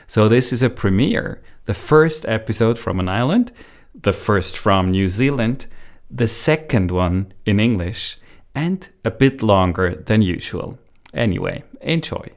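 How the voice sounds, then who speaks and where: A man hosting a podcast, briefly introducing the episode in a measured way. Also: on the low side, very animated. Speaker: podcast host.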